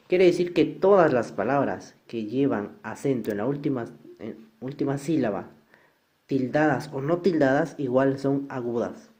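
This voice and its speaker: A man's voice: mid-range voice, darkish tone. Man teaching a slide lesson. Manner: explains step by step, repeats examples. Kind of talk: recorded lesson over slides.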